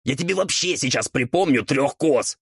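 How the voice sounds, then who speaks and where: A sly old ghoul whines and squabbles in a husky, raised voice, as a man puts him on for an audiobook. His pitch swoops as he argues, and the recording is close and dry. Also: lively intonation, no room sound. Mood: squabbling. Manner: quick, indignant squabbling. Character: old bickering male ghoul mentor, sly and whiny. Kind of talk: audiobook character voice.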